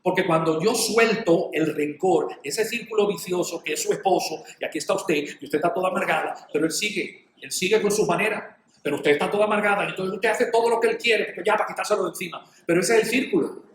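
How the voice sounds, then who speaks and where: A middle-aged male pastor preaches in a lively, conversational way, slipping into short acted exchanges to make his point. His voice sits a little high for a man. The sound rings in an echoey room over a faint hum of ambience. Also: quick pace. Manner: animated, acts out little dialogues. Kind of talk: sermon.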